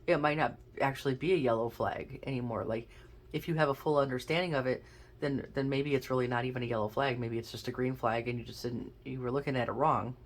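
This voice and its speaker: A woman doing a casual pick-a-card reading, thinking aloud with many restarts and a gentle, encouraging manner. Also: a bass voice, steady tone, fast talker. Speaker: tarot card reader.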